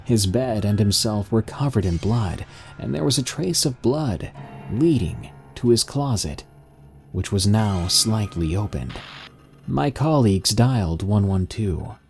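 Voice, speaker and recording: A man working at a care home, from the Netherlands, reading a horror story in an earnest, steady manner over music. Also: on the low side, a little slow, gravelly. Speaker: care worker. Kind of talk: scripted horror narration.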